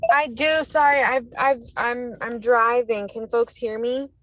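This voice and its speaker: Woman on a call from her car, halting. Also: fairly high pitch, steady tone, no echo, rough recording. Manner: hesitant, many restarts and filler ums. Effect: calling in while driving a car. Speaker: community meeting participant. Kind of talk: casual discussion on a video call. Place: inside a car.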